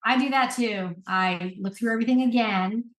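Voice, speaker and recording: A woman's voice: fairly high pitch, normal speed, poor audio. A woman hosting a podcast, chatting casually and reassuringly about reselling, thinking aloud with fillers. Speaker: podcast host.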